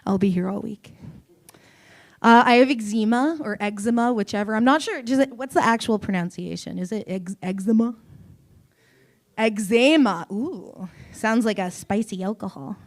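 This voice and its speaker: Gravelly young woman doing open mic stand-up. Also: mid-range voice, moderate pace. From Canada. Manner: deadpan with sudden loud bursts and giggles. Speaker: stand-up comedian. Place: small comedy venue on stage.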